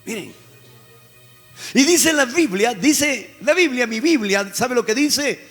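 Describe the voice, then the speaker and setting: A man preaching with fervor, his voice pitched high and ringing through a hall with a long reverb. Faint music plays softly underneath. He repeats phrases over and over to drive each point home. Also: lively intonation, takes it slowly. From Peru. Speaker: pastor. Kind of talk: sermon.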